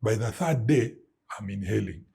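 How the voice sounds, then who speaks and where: A middle-aged man with a Kenyan English accent tells his story to an interviewer. His voice is deeply husky and raspy, and his pitch roams widely as he acts out sounds and slips into Swahili. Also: moderate pace. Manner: animated storyteller who mimics sounds and drops Swahili words. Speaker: guest.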